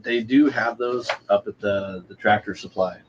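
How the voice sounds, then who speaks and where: A man with a fairly low voice co-hosts a casual chat about gardening gear. He speaks conversationally. The audio is muffled with a little background noise. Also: fairly even intonation, moderate pace. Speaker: live stream co-host. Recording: muffled, noisy live-stream audio.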